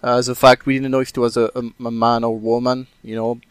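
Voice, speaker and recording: A man's voice: medium pitch, little pitch movement, a little fast, smooth, no room sound. A man on a podcast panel, rambling with many fillers and hesitations. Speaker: podcast co-host. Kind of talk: casual podcast chat.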